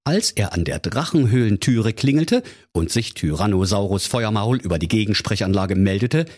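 A man's voice: on the low side, animated, moderate pace, darkish tone. A man narrating a humorous fairy tale for children in a playful, theatrical way. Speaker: storyteller.

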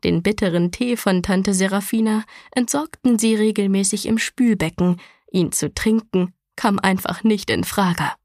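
A woman narrating a children's storybook in a calm, even reading voice. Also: medium pitch, unhurried, no echo, clean studio sound. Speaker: audiobook narrator.

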